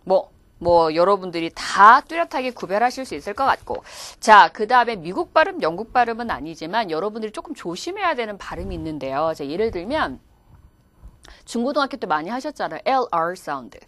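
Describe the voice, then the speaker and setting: 생동감 있게 설명하는 여성 강사. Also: female voice, mid-range voice, a little fast. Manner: animated, demonstrates English words aloud. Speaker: English pronunciation instructor. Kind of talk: video lecture.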